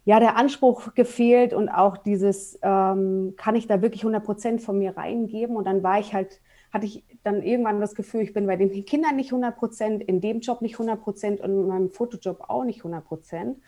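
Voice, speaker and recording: A Berlin photographer in her forties, a guest on a podcast, tells her story openly in a casual interview, with many fillers. Her medium-pitched voice has a dark tone, fairly even intonation, and a brisk pace.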